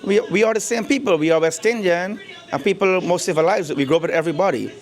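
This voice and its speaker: Speaking fast in a high-sitting voice, a Guyanese man in middle age talks about his barbershop during a relaxed interview there, soft music playing behind him. His manner is easygoing, with repeated words and plenty of "you know".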